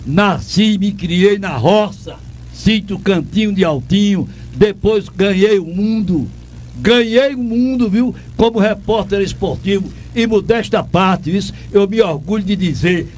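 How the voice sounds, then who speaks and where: On a rough recording with some hiss or hum, an older man with a high, slightly mellow voice rants unhurriedly. Formerly a sports reporter and now a radio host from Pernambuco, he speaks with a Northeastern Brazilian accent, indignantly stressing and repeating his points.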